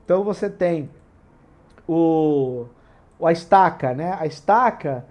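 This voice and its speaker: A man's voice: on the high side, lively intonation, slow, a little mellow. A man with a Brazilian Portuguese accent, hosting a tabletop RPG channel and explaining rules in a casual, digressive way with frequent tag questions.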